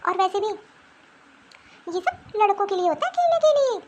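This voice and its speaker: Lady doing a spoiled bossy little boy, high pitched, cartoon. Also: big pitch swings, normal speed, lo-fi sound, slight background noise.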